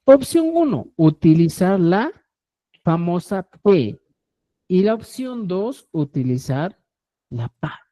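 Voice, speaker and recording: Slow, lively-pitched woman teaching grammar. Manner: slow, explanatory, repeats phrases and asks "¿ya?". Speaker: language teacher. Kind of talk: online grammar lesson.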